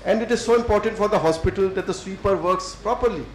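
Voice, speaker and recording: A middle-aged Indian man with an Indian English accent gives a thoughtful lecture to students, with many fillers and pauses. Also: sits high, reverberant, slight background noise, poor audio. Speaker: civil servant speaker. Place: lecture hall.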